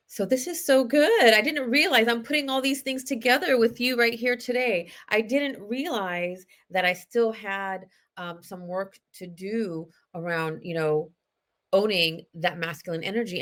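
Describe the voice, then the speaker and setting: A middle-aged woman hosting a solo podcast, talking in an earnest, confessional way with many fillers and restarts. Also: low voice. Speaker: podcast host. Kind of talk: reflective solo podcast talk.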